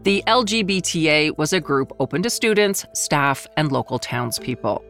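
A woman hosting a history podcast, reading scripted documentary narration in a measured storytelling manner. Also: sits low, expressive, fairly bright tone, faint music behind.

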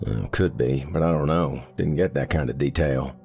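A weary old trucker, gruff and blunt, with a very deep, gravelly voice, as a man reads him in a storybook. Faint music sits behind him. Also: moderate pace, darkish tone. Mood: wary. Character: weary older male long-haul trucker, gruff.

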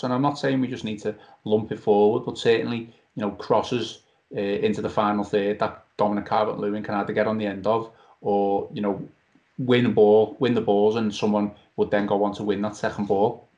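A man's voice: lowish voice, fairly even intonation, fairly quick, darkish tone. A man hosting a casual fan podcast, talking over an internet call. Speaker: podcast host. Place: video call over Skype. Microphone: video call microphone. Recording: dull, lo-fi internet call audio.

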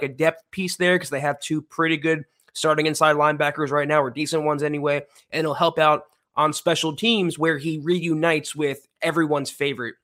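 A man co-hosting a sports podcast, talking in a relaxed, conversational way with fillers. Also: a little high. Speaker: podcast co-host. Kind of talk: casual sports podcast talk.

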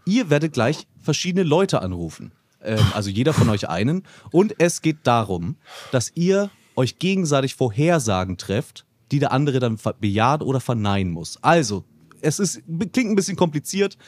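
A man's voice: mid-range voice, moderate pace, no echo. A man hosting a podcast game show, patiently explaining the rules and plugging the community site. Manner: steady, explanatory.

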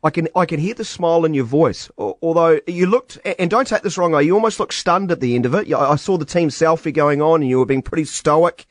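A male interviewer asks chatty, probing questions about a match. His voice sits a little high. The recording is close and dry. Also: fairly quick, hardly any pauses, no room sound. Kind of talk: sports interview.

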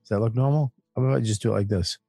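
A man guest on a casual podcast, telling stories in an animated way with a lot of swearing and restarts. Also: mid-range voice, rapid-fire, gravelly, breathy edge, no echo, clean studio sound, soft background music. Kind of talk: casual storytelling chat.

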